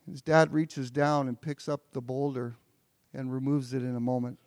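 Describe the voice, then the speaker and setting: A man's voice: mid-range voice, steady tone, normal speed, darkish tone, dry recording. A pastor preaching an earnest sermon, often repeating words as he builds toward a point.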